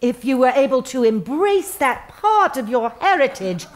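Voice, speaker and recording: An actress in a satirical audio comedy plays a smug, self-righteous head of human resources, spouting earnest, patronizing corporate jargon in a smoothly patronizing mood. Her voice is high-pitched with big pitch swings, at normal speed.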